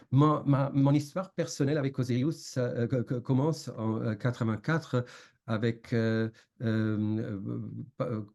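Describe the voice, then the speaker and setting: A man who is not a native speaker, giving an academic seminar talk with a foreign accent in a halting, hesitant way full of long fillers. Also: medium pitch, warm tone. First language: not French. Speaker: academic lecturer.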